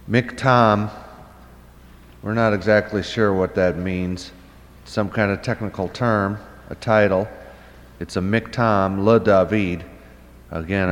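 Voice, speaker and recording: A man's voice: low voice, long reverb tail. A man teaching a Hebrew Bible lesson off the cuff, thinking aloud with many fillers and asking and answering his own questions. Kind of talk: unscripted lecture.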